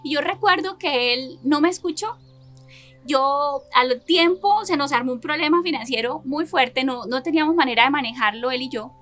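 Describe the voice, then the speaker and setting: A woman's voice: high voice, moderate pace, fairly bright tone, faint music behind. A woman preaching a sermon and sharing a personal testimony, earnestly putting rhetorical questions to her listeners and building her points in repeated lists.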